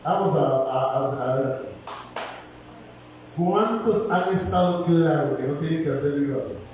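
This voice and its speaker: A man delivers a lively, joking sermon in a high voice. He is picked up from afar in a very echoey church hall. The sound is dull, with a faint hiss underneath. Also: normal speed, distant mic, crowd noise. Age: 60s. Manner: humorous, animated, jokes with congregation. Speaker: preacher.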